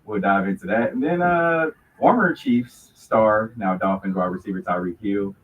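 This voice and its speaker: A man's voice: on the low side, normal speed. A man hosting a sports and pop culture show in a casual, informal way, often repeating his phrases. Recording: muffled, slightly distant, faint noise.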